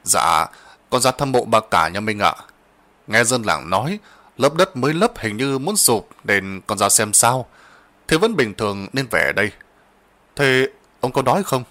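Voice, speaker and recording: A man's voice: mid-range voice, big pitch swings, measured pace, pushed and bright. A man voicing a timid young male servant who speaks politely and hesitantly, stammering when frightened.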